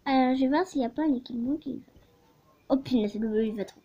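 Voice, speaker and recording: A woman's voice: high-pitched, fast talker, warm tone, dull audio. A young woman chatting over her gameplay, giggly, trailing off, and complaining that she is losing her voice. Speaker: gaming vlogger. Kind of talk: casual gameplay commentary.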